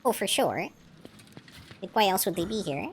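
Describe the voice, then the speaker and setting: A woman streaming a story game, chatting casually and reading narration aloud, quick to laugh. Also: medium pitch, lively intonation, slight background noise.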